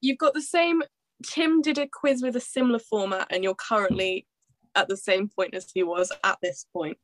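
A woman's voice: medium pitch, fairly even intonation, moderate pace. A woman co-hosting a podcast, chatting bluntly and reading out quiz questions over a video call. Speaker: podcast co-host.

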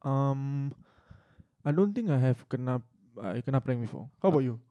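A man's voice: mid-range voice, expressive, moderate pace, dull audio. A young Singaporean man hosting a casual chat show in colloquial Singlish. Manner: colloquial Singlish with lah and ah particles. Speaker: show host.

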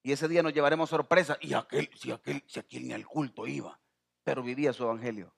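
A middle-aged man from El Salvador with a Salvadoran accent, preaching a sermon as pastor, rising to near-shouting and calling out to the congregation. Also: mid-range voice, steady tone, fast, gravelly, slightly rough. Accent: Salvadoran Spanish.

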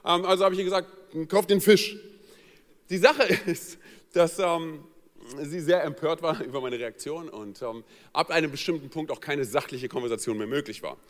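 A man's voice: fairly high pitch, brisk. A man telling a funny personal story in a sermon, acting out the voices of the people in it. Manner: lively, joking, acts out quoted voices. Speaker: pastor. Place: church hall. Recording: long church hall reverb.

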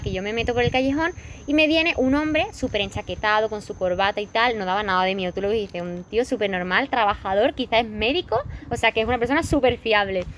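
A woman's voice: medium pitch, fairly bright tone, slight background noise. A young woman hosting a casual group chat, telling stories in an indignant way. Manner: fast, indignant storytelling. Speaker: podcast host.

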